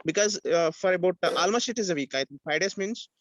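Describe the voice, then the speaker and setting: A man's voice: sits high, animated, fast talker, dry recording. Polite man on dull, dry audio. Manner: polite, rambling, says "sir" often. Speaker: workshop participant. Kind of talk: casual chat.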